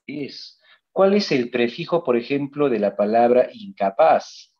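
A man's voice: medium pitch, lively intonation, a little slow, lo-fi sound. A man teaching a pre-university grammar lesson. He speaks in a coaxing way, repeats his key points and calls the students "nene".

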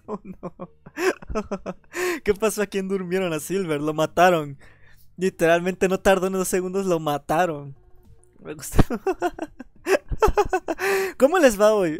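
A man with a Mexican accent chatting excitedly on a gaming livestream while he has a cold, often stammering over repeated words. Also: high-pitched, dry recording. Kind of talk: casual gaming livestream chat.

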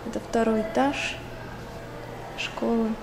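Filming off screen with a handheld camera, a Kazakh vlogger narrates a casual walk around a big school building, through rooms, corridors, and some outdoor areas. She explains things to viewers in a chatty way with small laughs and fillers, her fairly high voice steady and slow, and the camera audio carries clear background noise.

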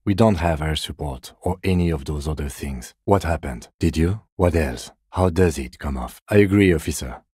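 A male actor with a very deep, breathy-edged voice plays a weary, by-the-book police detective in a video game. His heavily acted delivery is measured, restrained, and formal, a dry and composed deadpan. There is no echo.

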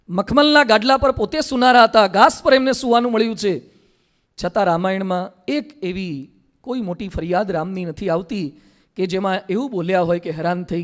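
A monk with a strikingly high voice gives a sermon, telling stories at a brisk pace and imitating ordinary people to drive his points home. When he reaches scripture verses, he slows into a chant-like delivery.

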